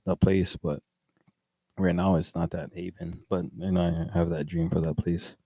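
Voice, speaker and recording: Deep-voiced laid-back island man. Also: level tone, moderate pace, dark tone, dry recording, rough recording. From Wai'anae, Hawaii. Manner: laid-back, laughs easily, stumbles and repeats words. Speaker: podcast host. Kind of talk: casual chat. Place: small studio room.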